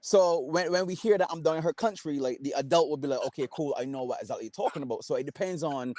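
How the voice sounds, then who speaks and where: A man's voice: fairly high pitch, fast, darkish tone. A young man from Barbados with a Barbadian accent, chatting on a panel in a rambling way, full of fillers and restarts. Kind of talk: casual panel chat.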